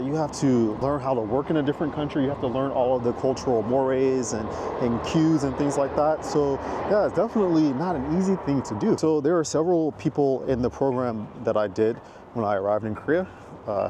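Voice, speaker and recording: An American man films a casual walking vlog on a city park walkway, rambling chattily and packing his talk with fillers. His mid-range voice moves fairly quickly over background noise.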